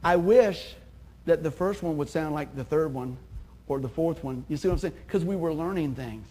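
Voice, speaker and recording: A middle-aged man, a pastor, preaching a sermon in a chatty, animated way, acting out quotes and laughing at himself. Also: a little high, normal speed, breathy edge.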